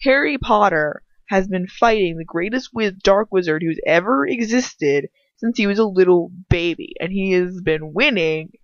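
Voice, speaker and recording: On a dull, dry lo-fi home recording, a woman reads and comments on fan fiction as an amateur, rambling bluntly with sarcasm, exasperation and plenty of swearing. Her medium-pitched voice moves at a moderate pace with few pauses.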